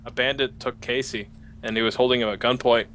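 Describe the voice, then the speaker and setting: A man's voice: mid-range voice, fairly even intonation, fairly quick, a bit bright, a little hiss or hum. A man co-hosting a gaming podcast, joking and teasing his friends in casual chat. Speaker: podcast co-host.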